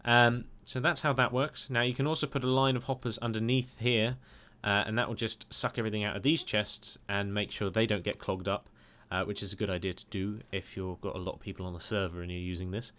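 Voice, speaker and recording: Low-voiced man rambling through a tutorial. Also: steady tone, a little fast, hardly any pauses, a bit bright. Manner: rambling, chatty, many filler "uh"s. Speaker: game tutorial maker. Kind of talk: casual screen-recorded tutorial narration.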